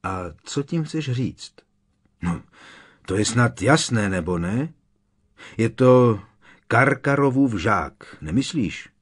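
A man's voice: on the low side, husky, pitched above the performer's own voice. A man doing a sulky sneering teenage boy. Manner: sneering, snapping.

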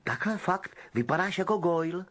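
A man's voice: high-pitched, animated, fairly bright tone, voice pushed up. A male audiobook reader voicing an eager, flustered teenage boy.

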